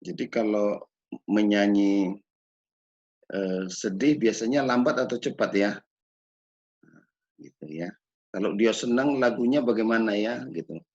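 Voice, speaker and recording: A man gives a measured lecture on children's music education, pausing to ask rhetorical questions. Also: lowish voice, a little mellow, breathy edge. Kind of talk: recorded lecture. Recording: dull lo-fi recording.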